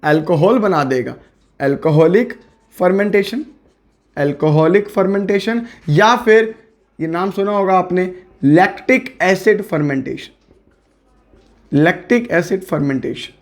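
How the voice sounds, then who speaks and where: Young male biology tutor, high pitch, friendly, drills key words with questions. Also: animated, unhurried. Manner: repeats key terms, asks and answers his own questions; friendly, coaxing. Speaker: biology teacher. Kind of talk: exam-prep lecture.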